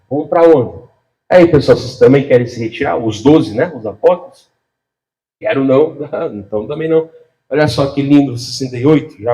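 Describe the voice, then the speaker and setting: A man preaching a sermon as a pastor, animated, swinging between loud and soft, laughing often and speaking straight to the congregation. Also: mid-range voice.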